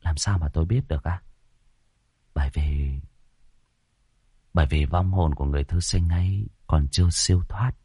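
A man voicing a cold, calm young man who sees ghosts and speaks quietly, in a horror audiobook. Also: low voice, normal speed, long pauses, husky, no echo, studio quality, voice pushed down.

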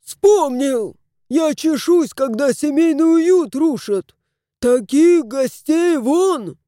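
A woman voicing a grumbling, gruff old male house spirit in a storybook reading. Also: a little high, very animated, slow pace, mellow, no room sound, clean studio sound.

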